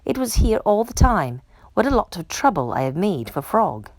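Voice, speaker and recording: A woman's voice: medium pitch, very animated, normal speed, a little mellow, no echo. A woman voicing a fussy, self-conscious, gloomy male toad in a children's storybook, with an emphatic, plaintive manner. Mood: regretful.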